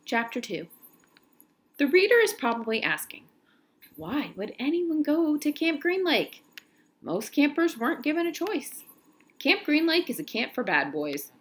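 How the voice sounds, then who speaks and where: Her voice sits high and her pace is measured as this woman reads a children's novel aloud. She uses an expressive storytelling style, occasionally stumbling over words and correcting herself.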